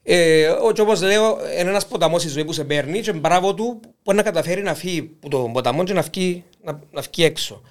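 A man's voice: a little high, expressive. A man with a Cypriot Greek accent, talking as an interview guest about music, with frequent restarts. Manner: talkative, halting restarts. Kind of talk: casual conversation.

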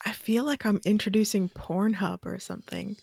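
A woman co-hosting a casual podcast chat, playful and quick to laugh. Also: mid-range voice, steady tone, creaky, darkish tone, no echo, studio quality. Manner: playful, laughs easily, talks in quick bursts. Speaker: podcast co-host.

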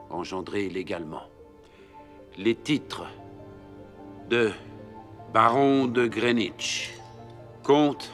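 Un vieux roi solennel qui bégaie. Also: male voice, fairly low pitch, fairly bright tone. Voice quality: stammering, halting delivery. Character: solemn aging king conferring titles, halting. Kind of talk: dubbed drama scene.

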